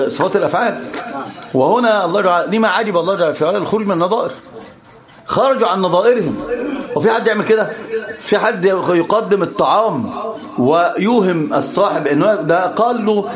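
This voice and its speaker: Fast animated religious teacher. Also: male voice, high-pitched. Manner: animated, teasing, often laughing. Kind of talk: religious lesson to students. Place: lesson hall with students.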